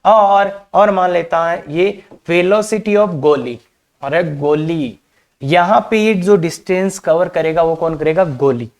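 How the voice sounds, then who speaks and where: A man's voice: high voice, slow. Guy teaching maths to a class, talky, keeps asking the kids questions and dropping english terms in. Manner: chatty, mixes English terms into Hindi; addresses students as kids, asks rhetorical questions. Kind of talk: classroom lecture on coordinate geometry.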